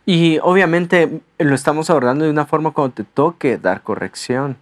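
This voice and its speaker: A man's voice: a little high, moderate pace, no echo. A man co-hosting a teaching talk, mostly giving short, affirming remarks. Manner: brief affirming interjections. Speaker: co-host.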